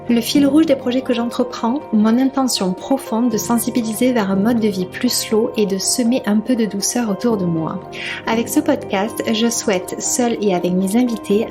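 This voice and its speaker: A woman hosting a podcast, speaking softly and warmly about slow living, then chatting with a guest. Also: a little high. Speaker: podcast host. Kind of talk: scripted intro then casual interview.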